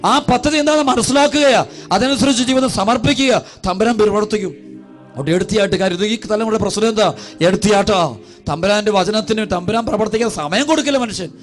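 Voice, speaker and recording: Priest, Kerala Malayalam accent, high voice, rapid repetitive sermon delivery over faint music. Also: male voice. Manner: repetitive, pleading cadence, drops low and soft for prayers; addresses listeners as children. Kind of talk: devotional sermon with prayer.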